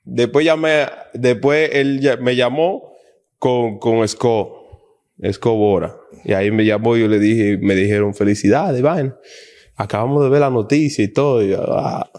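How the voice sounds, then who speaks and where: Animated young man storytelling. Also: mid-range voice, a little slow. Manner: animated, acts out quoted dialogue. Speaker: guest baseball player. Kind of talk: casual storytelling interview.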